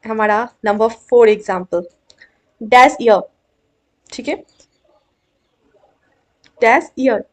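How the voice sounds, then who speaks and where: A woman's voice: a little high, slow pace, long pauses. A young woman teaching an exam-prep grammar lesson, coaxing and checking often that students follow. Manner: coaxing, repeatedly checks understanding.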